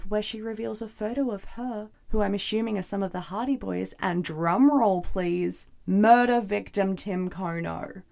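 A young woman with a hoarse, gravelly voice recaps and reviews a TV episode in a chatty, wry, playfully sarcastic way. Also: mid-range voice, warm tone.

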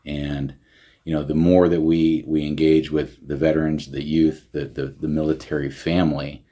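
A man's voice: a bass voice, flat delivery, normal speed, dark tone. A man, a county veterans service director, talking earnestly in an interview with frequent restarts. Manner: earnest, many restarts and fillers. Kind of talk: casual interview talk.

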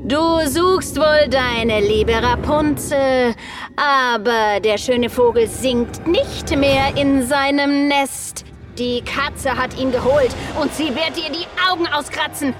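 A woman voicing a spiteful old witch in a storybook reading, talking in a slow, drawn-out, mocking way over background music. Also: high-pitched, voice pushed up.

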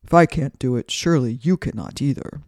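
A woman's voice: rumbling low, a little fast, a little mellow, no echo, studio quality. A woman doing a boastful blustering wind. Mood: challenging. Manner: bragging, insistent.

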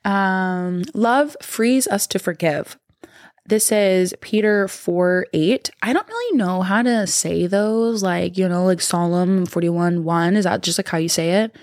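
A woman with a slightly low voice talks as if hosting her own podcast. She rambles informally, interrupts herself, and uses slang with playful affection. The sound is very dry, with no room around it. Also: slow, a little mellow, no echo. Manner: affectionate, playful, addresses listeners as babe and baby. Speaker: podcast host. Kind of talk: casual, rambling solo podcast talk.

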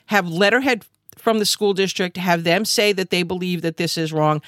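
Woman host, low and dry, angry and emphatic, lots of fillers. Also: normal speed, fairly bright tone, dry recording. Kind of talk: impassioned monologue. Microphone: video call.

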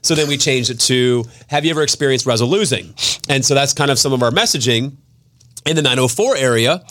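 A man's voice: mid-range voice, brisk, fairly bright tone. A man hosting a podcast, chatting casually, laughing often and joking between his points. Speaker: podcast host.

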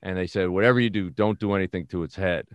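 Smooth-voiced New man telling stories. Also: low voice, fast talker, no echo, highs cut off. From the Bronx, New York. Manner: animated, self-mocking storyteller. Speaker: interview guest. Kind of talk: casual storytelling.

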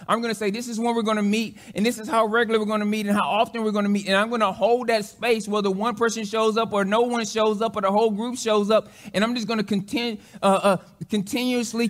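A man, a pastor, preaching a sermon in a conversational way, often restarting phrases and acting out quotes. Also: sits high.

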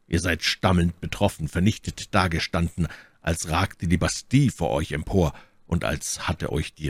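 A man reading an audiobook and voicing a grave musketeer who speaks with terrible calm and measured weight. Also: deep voice, slightly rough, no echo.

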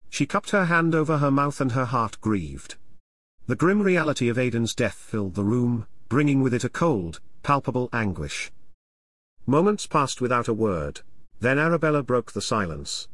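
A man at a medium pitch reads a story aloud with expressive, measured delivery and a lively, wide-ranging intonation. The recording is close and dry, with no room sound at all. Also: no room sound. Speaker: audiobook narrator. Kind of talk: scripted narration.

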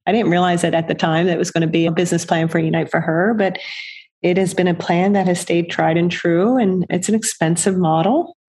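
A woman's voice: lowish voice, steady tone, a little mellow, breathy edge. A middle-aged woman, a nonprofit founder, telling her story in an interview in an earnest, conversational way. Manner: earnest, conversational, with quick restarts.

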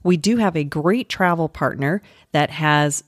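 A woman co-hosts a travel podcast in casual, upbeat conversation. Her voice is low for a woman, recorded dry and close with no room sound. She laughs easily as she pitches trips. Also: a little slow, dry recording. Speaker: podcast co-host, travel agent.

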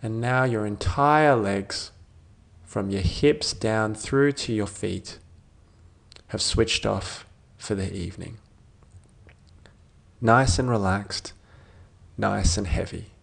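A man narrates a guided sleep meditation like a soothing sleep story, letting gentle phrases trail off softly with long pauses between them. His voice is fairly low and gravelly.

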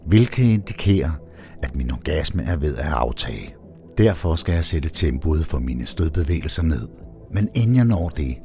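A man narrating a first-person story in a steady, expressive storytelling manner. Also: rumbling low. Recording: faint background music.

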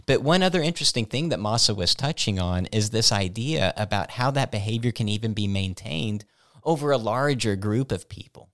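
A man's voice: lowish voice, dry recording, studio quality. A man co-hosting a chat show, explaining dog training in an enthusiastic, storytelling way.

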